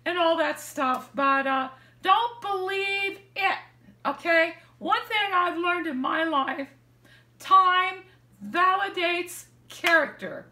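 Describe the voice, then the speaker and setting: High, bright older woman telling a story. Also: slow pace. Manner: animated, acts out quoted lines with hand gestures. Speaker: vlogger sharing dating advice. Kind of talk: casual storytelling to camera. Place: living room, seated in armchair indoors. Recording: echoey room.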